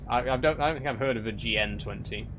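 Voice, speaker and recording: On a lo-fi live stream with background noise, a young man with a Yorkshire accent reads viewer comments and chats casually. He talks fast at a medium pitch, restarting frequently and gently teasing in a wry way.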